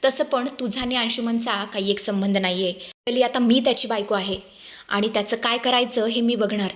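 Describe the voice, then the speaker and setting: A woman's voice: fairly high pitch, steady tone, moderate pace, a bit bright, close to an everyday voice. A woman voicing a haughty young wife who speaks with contempt and dismissal. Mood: contemptuous.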